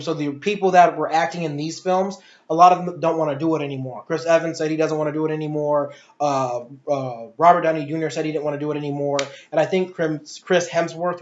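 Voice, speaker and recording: Her voice sits low with a darkish tone as she rants through a casual movie review full of opinions and swearing, rambling and exasperated. The recording has a dull lo-fi quality and roomy echo.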